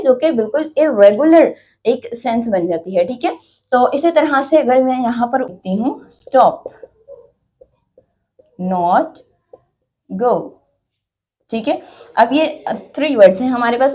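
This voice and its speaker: A woman with a Pakistani accent teaches an English lesson. Her voice sits a little high, and she keeps checking in with her students as she goes. She reads example sentences slowly and deliberately, on a somewhat muffled, lo-fi recording. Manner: explains slowly, with many "theek hai" checks. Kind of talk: classroom lecture.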